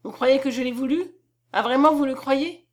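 A woman voicing a passionate, reckless young gentleman. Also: high voice, normal speed, voice pushed up, close to an everyday voice. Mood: impassioned. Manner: impassioned, tries to joke it off. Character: reckless, self-reproaching young nobleman.

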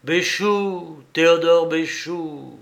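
A man putting on an excitable police sergeant. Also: fairly high pitch, drawn-out words, gravelly, pitched above the performer's own voice, heavily acted. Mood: insistent. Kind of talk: audiobook reading.

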